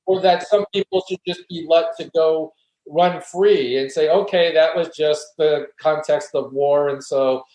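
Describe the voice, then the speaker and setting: A man with a fairly high, darkish voice speaks at a measured pace as a guest philosophy professor in an academic interview. He explains and argues his points earnestly yet conversationally, and the recording has a roomy, echoey sound.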